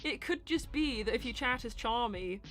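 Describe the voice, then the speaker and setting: This woman's voice sits on the high side, bright and animated, at a moderate pace with faint music behind it. She's the host and voice actor of a live character Q&A show, casually reading out audience questions and puzzling through her answers aloud.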